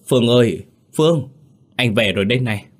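A man's voice: low voice, moderate pace. A man voicing a young man who is frantic and heartbroken, pleading and crying out in an audio story. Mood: calling. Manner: pleading, rising to anguished shouts.

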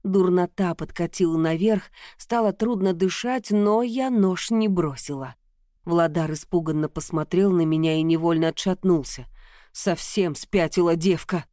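A woman reading a first-person story aloud in a measured, storytelling manner into a close microphone. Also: lowish voice, warm tone, dry recording. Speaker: audiobook narrator. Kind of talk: first-person audiobook narration.

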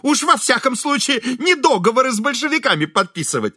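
Man playing a pompous blustering mechanic, high shrill voice, lively, ironic, dry close recording. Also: brisk, no room sound, exaggerated voice. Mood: boastful ironic. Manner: blustering, shrill, self-important. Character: pompous, boastful middle-aged male mechanic, ironic and blustering.

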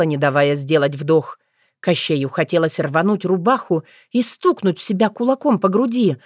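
Woman narrator, fairy-tale audiobook, measured dramatic telling, lowish voice, dry close sound. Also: no echo.

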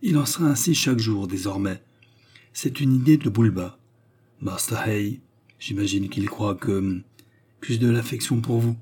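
A man reading a frank, gentle young grand duchess. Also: on the low side, normal speed, husky.

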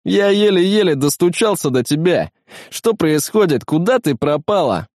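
A man voicing a brash, crude male space marine in a storybook reading, gruff and barking. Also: on the high side, sing-song, normal speed, a little mellow, no echo, clean studio sound, pitched above the performer's own voice. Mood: rough. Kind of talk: audiobook character voice.

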